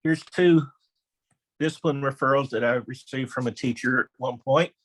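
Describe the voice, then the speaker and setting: A middle-aged man who used to be an elementary principal presents a conversational training webinar at a moderate pace over poor audio. He tells anecdotes, raising his pitch to act out the voices he quotes.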